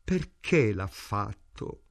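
A man's voice: lowish voice, big pitch swings, slow, no room sound, clean studio sound. A man reading aloud, voicing a frightened older woman who wails and pleads. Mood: distraught. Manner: wailing, pleading. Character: frightened older mother, wailing.

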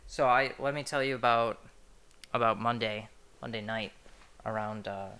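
A man's voice: medium pitch, steady tone, normal speed, pushed and bright, slight background noise. A young man co-hosting a casual podcast, telling a rambling, profane story with many restarts. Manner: rambling, repeats himself, swears freely. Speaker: podcast co-host.

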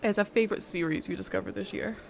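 A woman's voice: mid-range voice, quick pace, gravelly, a little hiss or hum. A woman co-hosting a casual book chat podcast, enthusiastic and laughing often. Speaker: podcast co-host.

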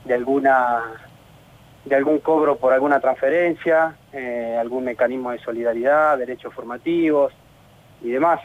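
Argentine footballer, male, halting and frustrated, phone-line sound on radio. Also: mid-range voice, steady tone. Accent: Argentine Spanish. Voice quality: halting, many restarts and fillers. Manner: earnest, frustrated. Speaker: professional footballer. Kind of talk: radio interview.

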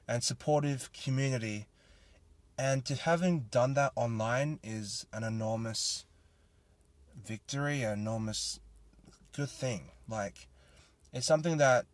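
Speaking in a medium pitch with no echo, this young Australian man rambles through his casual solo podcast in an earnest, thankful way.

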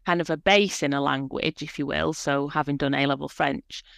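Her voice sits low with fairly even intonation, a moderate pace, vocal fry and a fairly bright tone, captured in studio quality with no echo. She's a proofreader and editor in her forties, chatting reflectively as a podcast guest, full of fillers and little laughs.

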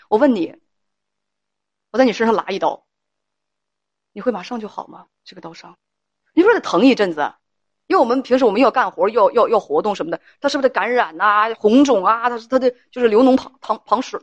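A woman's voice: a little high, dry recording. A woman hosting a call-in advice show, lecturing a caller with pointed rhetorical questions.

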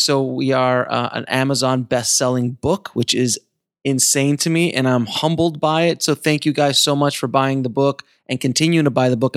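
A man's voice: medium pitch, a bit bright, no echo, clean studio sound. A man hosting a podcast and talking casually about his book, in an effusive, emphatic way. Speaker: podcast host and author.

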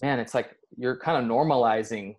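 A man's voice: mid-range voice, moderate pace. A man hosting an interview, reflecting on what he heard and asking a thoughtful question. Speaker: interview host.

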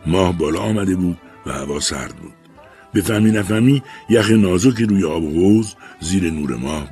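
A man narrating an audiobook story in a measured, calm storytelling manner. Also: low voice, slightly rough. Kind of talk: scripted narration.

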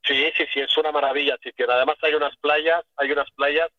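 A man's voice: fairly high pitch, steady tone, brisk, dry recording. A man from Catalonia, a finance professional calling into a radio show, talking enthusiastically and at length. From Catalonia, Spain. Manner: enthusiastic, expansive, repeats praise. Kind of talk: casual radio chat. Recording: dull dry phone line.

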